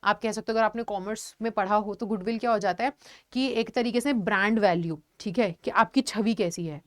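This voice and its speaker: A woman's voice: mid-range voice, fairly quick, dry recording. A young adult woman teaching a vocabulary lesson, explaining patiently and checking in with her students. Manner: explains patiently, addresses students as "beta", frequent "theek hai" check-ins. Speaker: online teacher.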